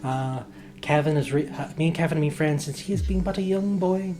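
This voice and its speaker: A man's voice: a little high, fairly quick, background noise, natural voice. A man voicing a fawning middle-aged priest who stammers and gushes with pious cheer. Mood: cheerful.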